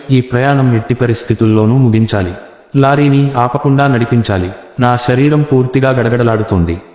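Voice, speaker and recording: A man's voice: mid-range voice, a little mellow. A man telling a first-person horror story as scripted narration, tense and suspenseful. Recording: echoey reverberant room.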